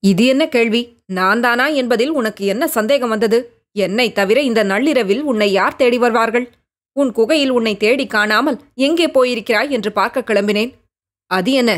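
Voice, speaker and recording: A stern older Buddhist monk, questioning sharply, as a woman narrator acts him out. The voice stays a touch high for a man. It is a storybook reading. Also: normal speed, lightly acted.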